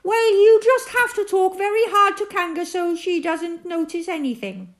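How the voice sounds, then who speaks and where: A woman voicing a bossy, scheming male rabbit who gives orders briskly. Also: extremely high pitch, pitched above the performer's own voice.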